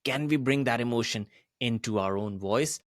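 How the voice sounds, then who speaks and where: A man coaching public speaking at a steady, deliberate pace. He pushes his voice higher and lower to demonstrate his points. His mid-range voice sits in a dry, close recording. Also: no room sound. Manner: deliberate, demonstrative, varies pitch and volume. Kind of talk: voice coaching lesson.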